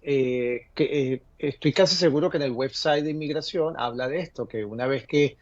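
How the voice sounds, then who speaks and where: A man explaining legal matters to viewers, pausing often on fillers and restarting his sentences. His voice sits in an ordinary middle register and comes through dry, with no room sound. The audio is dull and lo-fi, like a remote link. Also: medium pitch, dry recording. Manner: halting, many fillers and restarts. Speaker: legal guest answering viewer questions. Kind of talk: live call-in advice segment.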